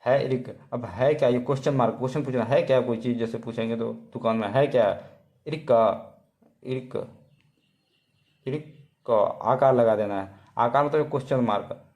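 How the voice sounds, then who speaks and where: A man's voice: mid-range voice, darkish tone, highs cut off. Guy teaching words, says each one over and over, lots of umms. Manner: repeats words slowly, with fillers. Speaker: language teacher. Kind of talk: casual spoken lesson.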